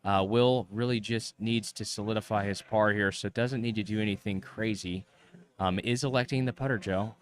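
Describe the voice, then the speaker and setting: Low-pitched male golf commentator. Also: steady tone. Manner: measured golf-commentator delivery with broadcast jargon.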